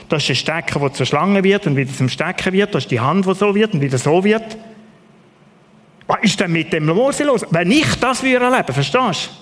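Animated Swiss German preacher in a reverberant hall. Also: male voice, high-pitched. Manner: lively storytelling, acting out the dialogue of the story. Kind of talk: sermon.

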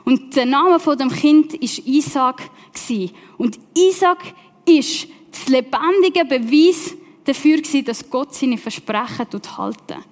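A woman with a Swiss German accent preaching a sermon, telling the story with lively questions to her listeners. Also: sits high, takes it slowly. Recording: long reverb of a large hall.

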